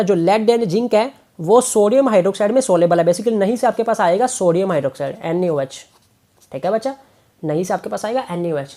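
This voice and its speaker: Mellow-voiced man coaching chemistry students. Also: sits high. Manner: coaxing, repeats key points, calls students "beta"; mixes English terms into Hindi. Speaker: tutor. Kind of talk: chemistry exam-prep lesson.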